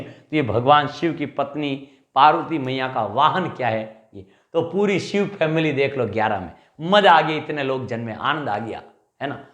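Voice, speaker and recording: A man teaching a Hindi exam class, drilling memory tricks with animated repeated questions and answers. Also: fairly high pitch, echoey room. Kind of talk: mnemonic lecture.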